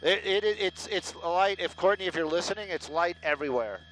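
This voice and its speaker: A middle-aged man reports traffic from a helicopter, talking into a headset in a slightly high voice. He rambles in a loose, joking way, sarcastic and self-deprecating. A faint engine hum sits behind him. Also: brisk, fairly bright tone, rough recording. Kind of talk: live casual on-air chatter. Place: inside a helicopter in flight.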